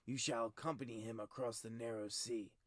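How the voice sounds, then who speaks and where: A man voicing a stern, cold middle-aged king who talks in clipped, forceful commands, higher and louder than his narration. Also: steady tone, brisk, no echo, close to an everyday voice. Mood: commanding.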